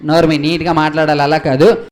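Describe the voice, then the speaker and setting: A young man acting as straight man in a comic stage skit, questioning his partner with lively exasperation and calling out to the audience. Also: fairly high pitch, a little fast. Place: event stage before a live audience.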